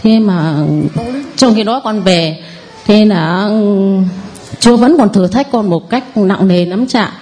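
A woman's voice: medium pitch, slow, mellow. A woman in her forties with a northern Vietnamese accent, giving a nervous, rambling, deferential testimony to a priest. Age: 40s. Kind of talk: spoken testimony.

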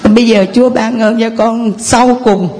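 A woman's voice: a little high, fairly even intonation, moderate pace, a little mellow. A woman, telling a long, rambling, earnest story of faith to a priest in church. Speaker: parishioner giving testimony. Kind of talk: tearful church testimony.

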